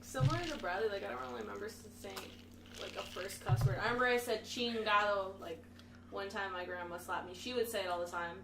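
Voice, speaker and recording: A woman's voice: mid-range voice, steady tone, fast, gravelly, distant mic. A woman chatting casually on a podcast, teasing and blunt. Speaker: podcast co-host. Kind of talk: casual chat. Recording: roomy, off-mic with clicking noise.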